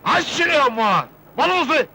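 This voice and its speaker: A harried soft-hearted uncle. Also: male voice, very high voice, very animated, rapid-fire, a little hiss or hum, heavily acted, low-quality recording. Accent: Egyptian. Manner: pleading, placating.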